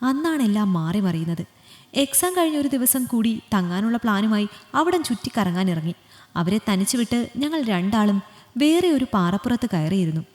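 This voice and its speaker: A woman's voice: medium pitch, darkish tone. Woman storyteller, reverberant narration. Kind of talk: scripted audiobook narration. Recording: long hall reverb.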